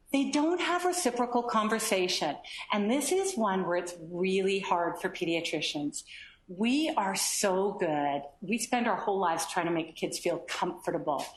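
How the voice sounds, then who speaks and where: Woman doctor, medical lecture, animated, acts out examples, roomy echo, faint hum. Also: mid-range voice. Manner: lively, acts out quoted children and parents. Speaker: developmental pediatrician lecturing. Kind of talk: lecture to physicians.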